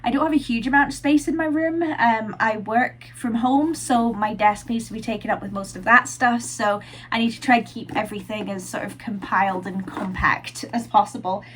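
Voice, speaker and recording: This vlogger, a young woman at university, talks casually from her room while congested with a cold, peppering her speech with "um" and "like". Her voice is a little high and moderately paced, and a little hiss or hum can be heard.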